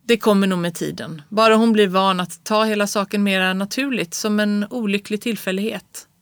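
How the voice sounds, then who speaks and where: A reader doing a self-assured doctor, brisk and soothing, sure of his diagnosis. Mid-pitched voice, dry and close like a studio audiobook. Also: fairly even intonation, clear, resonant tone, no echo, lightly acted. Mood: reassuring. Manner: brisk, reassuring. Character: confident male doctor, brisk and reassuring. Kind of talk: audiobook reading of classic prose.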